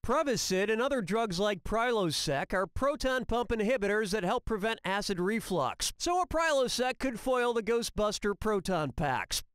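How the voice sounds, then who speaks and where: A man's voice: sits high, animated, moderate pace, hardly any pauses, clean tone. A man playing a wisecracking, sarcastic quiz show host in a video game, with a snarky, punning delivery. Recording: game audio with loud music behind. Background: loud game music.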